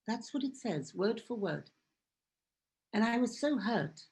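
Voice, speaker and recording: Speaking as a guest, this Hebrew-speaking woman from Israel delivers a heartfelt personal talk in a highish, somewhat mellow voice that swings widely in pitch and moves a bit slowly. She repeats phrases to drive her points home.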